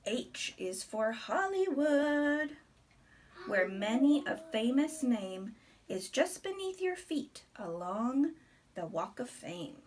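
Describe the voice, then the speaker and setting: A woman with a higher-than-average voice reads a rhyming picture book to a small child, expressive and deliberate, stopping for chatty asides. The recording carries a little hiss or hum.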